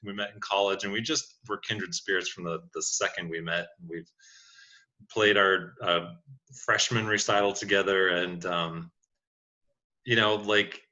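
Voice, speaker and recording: Bright-voiced man joking on a podcast. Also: sits low, a little slow. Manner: animated, jokey, laughs often. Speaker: podcast co-host, organist. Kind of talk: casual chat. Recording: dull lo-fi podcast audio.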